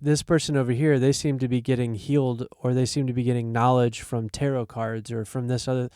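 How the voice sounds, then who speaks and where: A man at a middle pitch talks through ideas in easy podcast chat. He often restarts, and he acts out what someone might say in little quoted asides. The sound is close and dry, with no room around it. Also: flat delivery, brisk, warm tone, smooth, no echo. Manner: thinks aloud with many restarts and quoted asides. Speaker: podcast co-host. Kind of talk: casual conversation.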